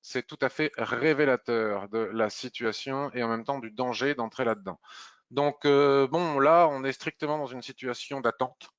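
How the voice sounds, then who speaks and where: A man talks through trading charts in a loose, chatty way, often pausing with fillers. His mid-pitched voice comes through a dry, slightly dull mic with no room sound. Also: smooth, no echo. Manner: chatty, hesitant with many "euh" fillers. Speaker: market analyst. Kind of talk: screen-share market review.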